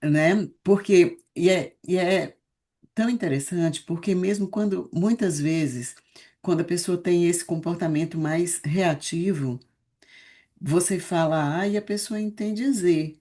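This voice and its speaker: A woman who works as a speech therapist, a podcast guest explaining ideas in a measured, conversational way. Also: lowish voice, mellow. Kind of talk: casual explanatory chat.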